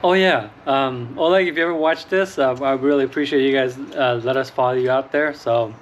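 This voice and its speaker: A man hosting a fishing vlog, chatting casually over a meal at home, talking haltingly with lots of ums and uhs. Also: mid-range voice, lo-fi sound, a little hiss or hum. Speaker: fishing channel host. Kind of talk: casual chat while eating.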